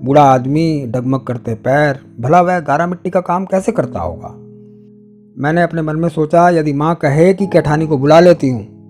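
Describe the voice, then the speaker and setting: A man narrates a literary short story, measured and expressive, in a fairly high voice. Soft guitar plays faintly behind him. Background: faint guitar music.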